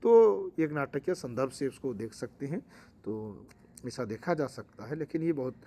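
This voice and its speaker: A man's voice: mid-range voice, animated, moderate pace, vocal fry, mellow, a little hiss or hum. A man teaching a language lecture for exam preparation, explaining with fillers and restarts.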